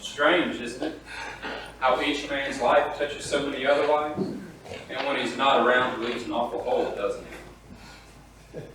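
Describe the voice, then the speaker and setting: A man on a theater stage playing a calm, knowing older figure who speaks slowly and reflectively. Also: mid-range voice, a little hiss or hum, lightly acted. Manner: slow, reflective. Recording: echoey stage from far off.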